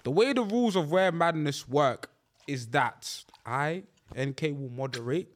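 Higher-voiced young London roadman host. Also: measured pace. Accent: London, urban slang. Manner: slangy roadman talk, repetitive emphasis. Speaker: host and moderator. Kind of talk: casual group banter and hosting.

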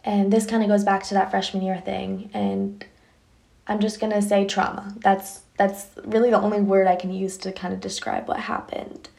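A woman's voice: medium pitch, level tone, normal speed, gravelly, a little mellow. A young woman hosting a podcast, telling a candid personal story in a chatty way full of fillers. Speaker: podcast host.

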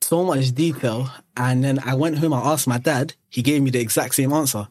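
A man's voice: medium pitch, moderate pace, darkish tone. Young man telling rambling stories. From Eritrea and Sudan. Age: young adult. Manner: rambling anecdotes with many restarts. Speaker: podcast guest. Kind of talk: casual chat, storytelling.

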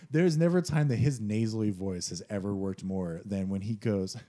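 A man's voice: on the low side, moderate pace, mellow. A man talking casually and enthusiastically about music, rambling with frequent restarts.

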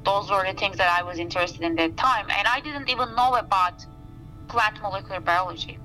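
Bright-voiced Turkish-accented woman researcher. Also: mid-range voice, a little fast, soft background music, rough recording. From Turkey. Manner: thoughtful, searching for words with frequent fillers. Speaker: researcher, interview guest. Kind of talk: casual interview talk. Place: outdoors by a campfire.

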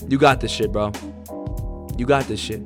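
A man's voice: mid-range voice, steady tone, moderate pace, over music. A young man giving a blunt, profane motivational pep talk, pushy and repetitive. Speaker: motivational speaker.

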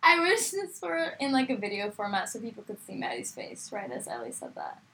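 A young adult woman, a guest on a casual podcast chat, animated and laughing easily. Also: mid-range voice, slight background noise, low-quality recording.

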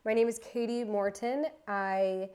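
Speaking from her apartment, a US podcast host in her thirties chats casually and alone into the mic, rambling, doubling back and correcting herself a bit nervously. Her middle-pitched voice is clear, resonant and darkish, with a steady tone and a slightly slow pace.

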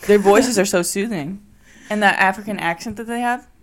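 A woman co-hosting a casual podcast, with a medium-pitched voice. She is eager and playful, and she jumps in often to cheer her partner on. Her voice is picked up on a home podcast mic. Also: fairly quick. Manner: enthusiastic, playful, interjects often. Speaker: podcast co-host. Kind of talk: casual chat.

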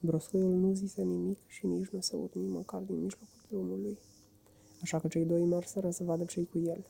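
A woman narrating a children's classic in an expressive storytelling manner. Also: lowish voice, creaky, breathy edge. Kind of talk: audiobook narration.

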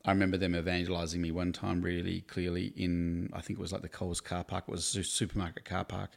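A very low-voiced Australian man from Tasmania, in his forties, talks with a gravelly edge. He tells stories from his own life as an interview guest in a chatty, self-deprecating way, laughing as he goes. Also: flat delivery, fast. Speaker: campus ministry worker, guest. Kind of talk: casual interview storytelling.

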